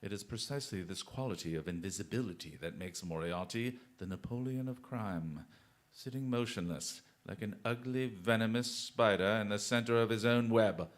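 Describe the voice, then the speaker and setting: Man playing theatrical, self-assured gentleman detective, Sherlock Holmes. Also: fairly low pitch, moderate pace, close to an everyday voice. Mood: grave, eloquent. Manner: theatrical, exclamatory, eloquent. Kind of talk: radio drama acting.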